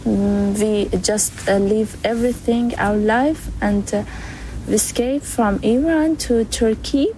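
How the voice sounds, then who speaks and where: A woman's voice: mid-range voice, slow pace, warm tone, a little hiss or hum, rough recording. A woman in her twenties from Afghanistan, telling her story in simple, hesitant English with fillers. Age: 20s. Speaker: refugee interviewee. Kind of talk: interview testimony.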